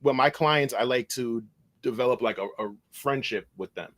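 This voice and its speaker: Male podcast guest, mid-range voice, animated storyteller who voices the people in his tale, loose and full of restarts. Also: mid-range voice, normal speed. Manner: animated, acts out dialogue in his stories; loose phrasing with frequent restarts. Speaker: podcast guest, cybersecurity consultant. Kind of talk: conversational storytelling.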